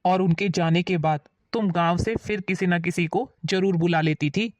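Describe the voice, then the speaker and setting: A woman's voice: lowish voice, moderate pace, a little mellow, no echo, clean studio sound, natural voice. A woman playing an older father-in-law who reasons patiently with his wife in a family drama. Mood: reasoning. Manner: patient, lecturing.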